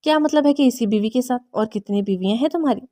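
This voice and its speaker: A woman's voice: fairly high pitch, mellow, no echo, clean studio sound, lightly acted. A woman reading the lines of an emotional young wife who bristles at her husband's jokes. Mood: indignant.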